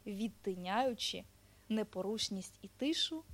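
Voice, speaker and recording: A woman narrating a children's storybook in a lively, expressive reading. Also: medium pitch, unhurried.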